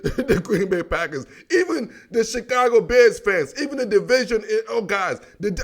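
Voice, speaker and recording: A man's voice: high-pitched, a bit bright. A man from Africa hosting a sports podcast, talking casually and animatedly in slang and laughing often.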